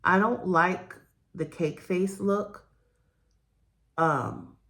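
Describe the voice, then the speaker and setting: A woman chatting casually while doing her makeup for viewers, rambling and friendly, with a croaky morning voice. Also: fairly low pitch, drawn-out words. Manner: chatty, rambling, warm sign-offs to viewers. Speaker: beauty vlogger and host. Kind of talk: chatty get-ready-with-me talk.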